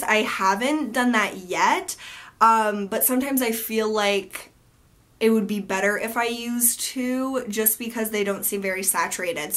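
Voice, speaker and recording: A young American woman talks through her favorite beauty products in a relaxed, chatty way, filling her sentences with ums and likes. Her voice sounds nasal and a little stuffed up from seasonal allergies, and she keeps an upbeat tone. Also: medium pitch. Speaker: beauty vlogger. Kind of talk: casual product review.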